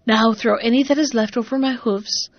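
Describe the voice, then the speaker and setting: A woman reading a gentle storybook cow who offers her milk and gives careful instructions. A high voice in a dull, dry recording. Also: fairly even intonation, moderate pace, no room sound. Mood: instructive. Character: gentle, fair-minded talking cow.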